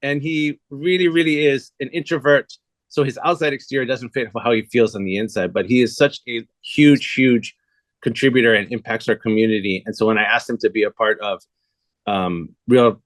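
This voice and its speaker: A man's voice: lowish voice, a bit bright, no echo. A man hosting an interview, enthusiastic and repeating words for emphasis. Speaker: host. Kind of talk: casual interview chat.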